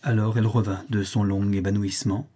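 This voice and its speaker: A man's voice: on the low side, little pitch movement, brisk, dark tone, husky. A man reading an old French novel aloud in the first person, with an impassioned dramatic delivery. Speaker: audiobook narrator. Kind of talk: literary first-person narration.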